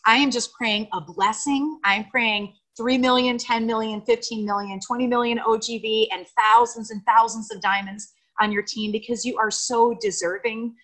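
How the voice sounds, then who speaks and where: A woman's voice: fairly high pitch, fairly even intonation, moderate pace, a bit bright, poor audio. An American woman on a video call giving an emotional, gushing tribute to a friend, rambling with fillers. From United States. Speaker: guest speaker on video call. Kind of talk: heartfelt tribute speech.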